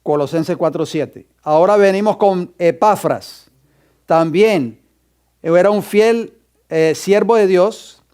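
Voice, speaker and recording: Male pastor in a church classroom, high clear voice, teaching and dictating verses to students. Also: slow pace, darkish tone. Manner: quizzes the class and dictates scripture references. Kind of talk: Bible class lecture.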